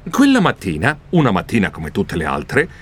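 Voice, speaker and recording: A man narrating a children's storybook in the first person, expressive and flustered. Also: low-pitched, moderate pace, breathy edge. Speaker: audiobook narrator.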